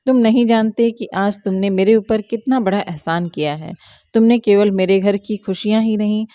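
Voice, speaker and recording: A woman voicing a grateful middle-aged father who speaks in a hushed, heartfelt way. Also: mid-range voice, normal speed, no echo, clean studio sound, lightly acted. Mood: moved.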